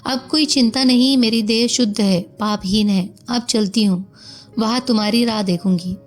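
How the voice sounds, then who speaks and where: A dying young wife speaks soft and weary, forgiving everyone around her, as a woman reads her lines. Her voice sits a touch high. The faint music of a storybook reading plays underneath. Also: normal speed, close to an everyday voice. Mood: weary, resigned.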